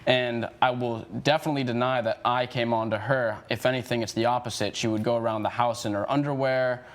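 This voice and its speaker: A young man in his twenties giving testimony as a co-defendant in a TV courtroom. He explains at length in a mid-pitched voice, hedging and filling pauses. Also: steady tone. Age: 20s. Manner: hesitant, filler-heavy explaining.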